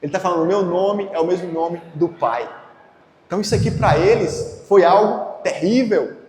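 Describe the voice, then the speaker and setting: A high-pitched man delivers a teaching sermon. He keeps asking his listeners rhetorical questions. His voice rings through a roomy, echoing hall with a long reverb tail. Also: moderate pace, a little mellow. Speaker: preacher. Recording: echoey hall.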